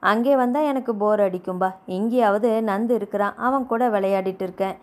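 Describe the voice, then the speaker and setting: A woman reading a storybook voices a cheeky, sharp-tongued young wife who mocks with quick retorts. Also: mid-range voice, close to an everyday voice.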